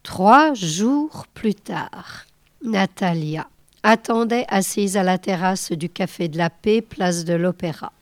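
Woman reading a novel out loud, slow and measured, dry close sound. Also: mid-range voice, no room sound. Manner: measured, unhurried. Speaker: reader.

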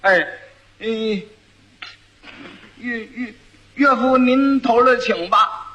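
A man's voice: very high voice, extremely slow, sharp tone, dull audio, full character voice. A man voicing a simple-minded young husband who stammers and giggles. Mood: halting recital.

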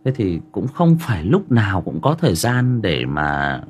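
A man with a low, sing-song, slightly mellow voice speaks unhurriedly while hosting a livestream. He tells a family story casually and ramblingly, full of fillers, in a Northern Vietnamese accent, with a bit of hiss or hum present.

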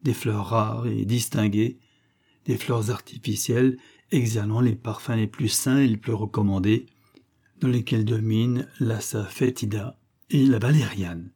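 A man narrating a short story in a measured, theatrical audiobook reading. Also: fairly low pitch, fairly even intonation, warm tone.

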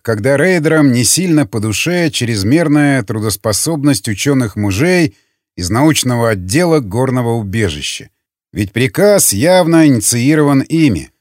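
In a clean studio with no room sound, a man of medium pitch narrates an audiobook from a script. His storytelling is measured and expressive.

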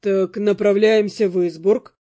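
A woman's voice: mid-range voice, fairly even intonation, measured pace, dark tone, pitched below the performer's own voice, natural voice. A woman voicing a laid-back male mercenary who drawls his words, unbothered. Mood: deadpan.

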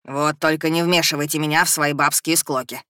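Man doing a grumpy stern stepdad lord, scolding, bright edgy tone, dry sound. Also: a little high, flat delivery, a little fast, dry recording. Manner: scolding, gruff and blustering. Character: stern middle-aged stepfather lord, irritable. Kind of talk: audiobook character reading.

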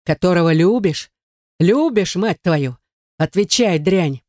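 A jealous, rough-spoken young man growls out his words, as a male audiobook reader plays him. The tone is dark and mellow. The recording is dry and close. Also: a little high, normal speed, no echo, lightly acted. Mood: furious. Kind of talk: audiobook character voice.

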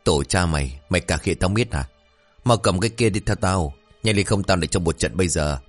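A man voicing a crafty, crude old village shaman who talks gruffly and scolds. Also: sits low, fairly quick, faint music behind. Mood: scolding.

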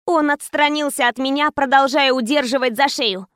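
A woman's voice: sits high, normal speed, a bit bright, no echo, clean studio sound. A woman narrating a tense first-person story as an audiobook reader.

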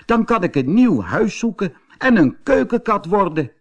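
A man reading a storybook, voicing a small, timid young tomcat with a high, mewing, plaintive voice. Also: very animated, moderate pace, heavily acted. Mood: tearful. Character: small young male kitten, timid and hopeful.

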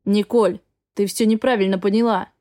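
A woman's voice: mid-range voice, fairly even intonation, normal speed, dark tone, close to an everyday voice. A woman voicing a gloomy, defensive dragon husband in an audiobook. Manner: sullen and defensive. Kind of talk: audiobook character reading.

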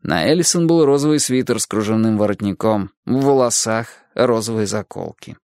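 A man narrating an audiobook in an expressive storytelling manner. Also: on the low side, normal speed, no room sound, studio quality. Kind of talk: audiobook reading.

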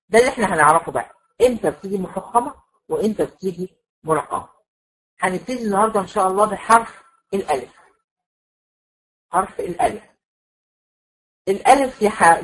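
A woman's voice: medium pitch, breathy edge, rough recording. Egyptian woman teaching a class. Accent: Egyptian Arabic. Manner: explanatory, asks the class questions and demonstrates sounds. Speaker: Quran recitation teacher. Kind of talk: classroom lecture.

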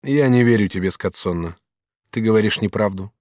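A man voicing a proud, sly and hot-tempered master artist in an audiobook, speaking firmly and with measured command. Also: fairly low pitch, lively intonation, no room sound, clean studio sound. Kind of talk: audiobook character reading.

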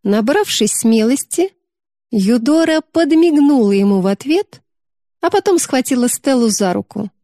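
A woman narrating a novel in a smooth, expressive storybook reading. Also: fairly high pitch, a little slow, dry recording, clean studio sound.

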